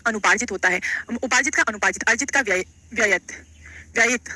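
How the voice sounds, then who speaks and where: With a slightly high, pushed and bright voice, this teacher moves briskly through a live online Hindi grammar exam lesson one question at a time. She repeats phrases, prompts students with check-in questions and uses casual endearments. There is no echo.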